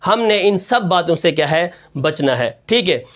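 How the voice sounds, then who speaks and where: A male Quran teacher with a high, light voice. He explains recitation rules in a repetitive question-and-answer pattern, dropping his voice low on each answer. The audio is dull and muffled, like a lo-fi recording. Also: animated, fairly bright tone. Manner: breaks into slow, drawn-out Quran recitation to demonstrate. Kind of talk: tajweed lesson in Urdu.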